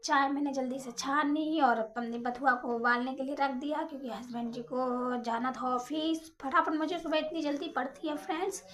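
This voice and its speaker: A young woman talking quickly and chattily in a casual cooking voice-over for her home vlog. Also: high-pitched, fairly even intonation, a bit bright. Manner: rapid, chatty, apologizes for talking fast. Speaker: home vlogger.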